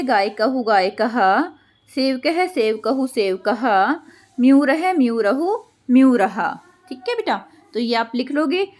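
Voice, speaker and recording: A woman teacher patiently going through a school worksheet, repeating word forms and talking to her pupils as children. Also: a little high.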